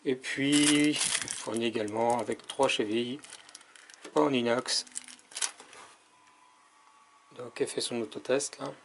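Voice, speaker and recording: A man's voice: mid-range voice, steady tone, slow pace, pauses often, a bit bright, slight background noise. A man giving a casual hands-on product demonstration as a tech reviewer, explaining step by step with frequent hesitations.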